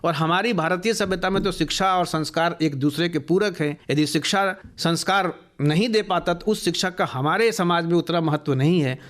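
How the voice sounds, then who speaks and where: A man's voice: a little high, moderate pace, hardly any pauses, a bit bright. A man being interviewed in a radio studio, speaking earnestly about education and listing ideas at length. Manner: earnest, explanatory, builds long lists of values.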